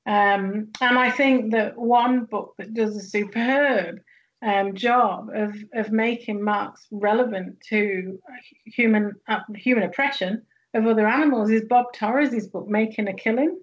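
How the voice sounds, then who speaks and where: A woman's voice: a little high, steady tone, measured pace, highs cut off. A woman from the northwest of England with a Northern English accent, speaking thoughtfully as a guest sociologist, with many fillers and restarts. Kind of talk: academic interview conversation.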